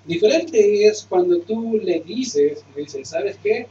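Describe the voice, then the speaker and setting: A male pastor delivers a sermon with a closing prayer, talking slowly and conversationally in a voice a bit high for a man, often asking questions and answering them himself. Recorded from a distance in a roomy hall, he sounds set back and muffled, with faint ambience and slight background noise.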